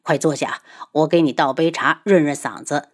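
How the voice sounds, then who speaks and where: A woman voicing a warm, eager young crown prince in an audiobook, slightly lowered. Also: fairly even intonation, normal speed.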